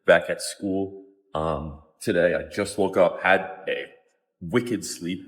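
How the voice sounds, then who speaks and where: A man's voice: sits low, takes it slowly, husky. A young man in college talking casually to the camera as a fitness vlogger, laid-back and rambling with lots of ums and likes. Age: young adult. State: slightly out of breath on a treadmill. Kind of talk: casual vlog chat.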